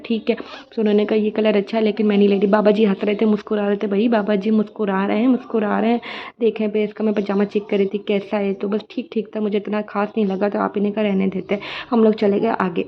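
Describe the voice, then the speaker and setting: A young woman tells a shopping story in a fast, chatty flow, her pitch staying flat and even. The recording sounds dull and lo-fi. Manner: chatty, storytelling, quotes shopkeepers and family. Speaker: vlogger. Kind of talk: casual shopping vlog narration.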